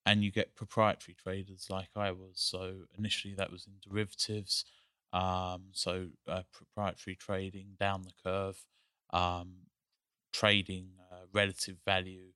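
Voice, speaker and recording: English guy chatting on a podcast, bright crisp voice, measured, lots of ums. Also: deep voice, monotone, dry recording, studio quality. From England. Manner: articulate, measured, with frequent "um"s. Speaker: guest, energy company CEO. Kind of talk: casual podcast chat.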